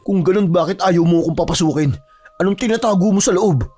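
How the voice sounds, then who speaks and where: A man's voice: high-pitched, fast, dark tone, faint music behind. A man playing a distraught young man desperate to save his father, talking urgently and confronting others. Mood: angry.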